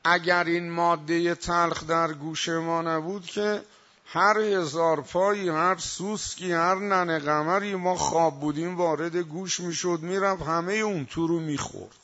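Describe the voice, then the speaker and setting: A man delivers a religious sermon in a fairly high voice. He drops into quiet asides, then rises to loud, emphatic recitation. The recording is dull and lo-fi. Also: steady tone. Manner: dramatic, swings between soft asides and loud emphatic recitation. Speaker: preacher.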